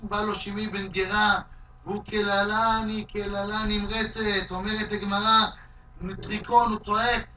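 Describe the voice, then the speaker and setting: A rabbi teaches a Talmud class in a study hall, his voice high and cutting as he tells the stories with lively drama. He is picked up from across the room on a dull, lo-fi recording. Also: distant mic, a little hiss or hum. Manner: animated, acts out quoted shouts and cries. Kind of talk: Talmud lesson with storytelling.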